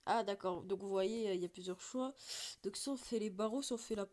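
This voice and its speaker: A woman hosting a casual phone-game video, talking in a loose, rambling way full of fillers and false starts. Her voice sits at an ordinary middle pitch for a woman. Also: brisk, a little mellow. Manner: chatty, rambling with many fillers and restarts. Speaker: gaming YouTuber. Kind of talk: casual gameplay commentary.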